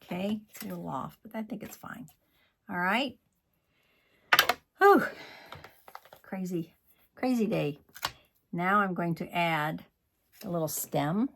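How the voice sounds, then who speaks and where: A man's voice: high voice, unhurried, gravelly, pauses often, background noise. A man demonstrating card-making in a chatty tutorial, scolding himself and muttering asides as he works. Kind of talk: crafting tutorial.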